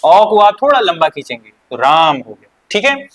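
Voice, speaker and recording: ऊँची आवाज़ वाला हिंदी शिक्षक, खुद सवाल पूछकर जवाब देता है. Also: male voice, a little high, big pitch swings, moderate pace, a bit bright. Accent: Uttarakhand Hindi. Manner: asks questions and answers them himself, repeats key points. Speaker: teacher. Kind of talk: exam-prep grammar lesson.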